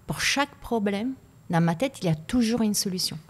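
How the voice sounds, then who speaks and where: An Italian woman with an Italian accent, a native speaker of the language, is being interviewed on a podcast. Her mid-range voice is animated and a little fast, yet she's reflective and hesitant, frequently repeating words as she looks for them.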